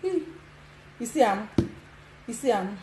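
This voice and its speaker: High-voiced Nigerian woman, laughing. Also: animated, unhurried, reverberant, background noise. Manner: bold, laughing, demonstrative, mixes pidgin. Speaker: vlogger giving advice. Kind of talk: casual instructional chat.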